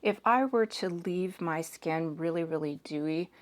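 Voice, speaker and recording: A hoarse woman in her forties chatting casually as she does her makeup, hedging with "like" and "sort of". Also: on the low side, a little slow. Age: 40s. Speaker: makeup reviewer. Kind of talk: casual chat while doing makeup.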